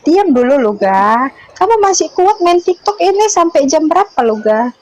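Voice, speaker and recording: A woman's voice: very high-pitched, very animated, normal speed, darkish tone, no room sound, poor audio. A woman in her late forties calling in to a live stream, chatty and rambling, repeating the host's name. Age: 40s. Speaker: caller. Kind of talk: casual live-stream chat.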